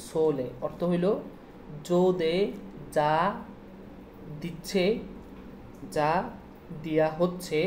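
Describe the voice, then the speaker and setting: Woman Urdu teacher, patient letter-by-letter spelling, lowish dark voice, roomy recording with faint night street noise. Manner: slow, repetitive spelling out of words letter by letter. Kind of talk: spelling lesson for online class. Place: indoors at night, city street sounds outside.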